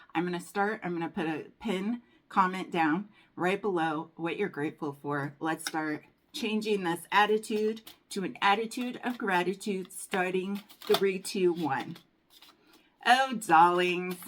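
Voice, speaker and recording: A woman reads tarot cards for her viewers in a casual, chatty way. Her voice sits a little low, and she often calls them darling. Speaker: tarot reader. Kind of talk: casual tarot reading to camera.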